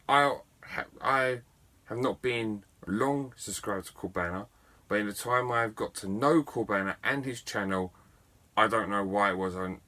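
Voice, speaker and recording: A middle-aged man with a lowish voice and a sharp tone is a video game collector vlogging to camera. He tells a story in a chatty, enthusiastic way, poking fun at himself.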